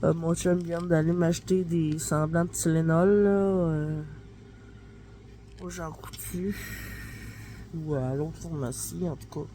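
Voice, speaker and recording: A Québécois woman filming herself at home on a handheld phone, rambling cheerfully with plenty of fillers. Her voice sits a bit low and sounds mellow. Right now it is blocked up and nasal from a stuffy nose. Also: fairly even intonation, slow, long pauses, slight background noise. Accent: Québécois French. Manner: chatty, rambling, full of fillers like "là" and "tu sais". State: stuffy nose, talking through the nose. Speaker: vlogger and mom. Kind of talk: casual home vlog chat. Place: at home, kitchen then in bed. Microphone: handheld phone camera, no tripod.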